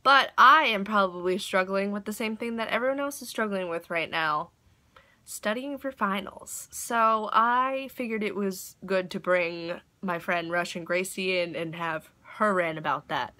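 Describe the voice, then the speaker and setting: A woman's voice: medium pitch, a little slow, sharp tone. A teenage girl vlogging in a chatty, apologetic way with lots of fillers. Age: teens. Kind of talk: casual chat.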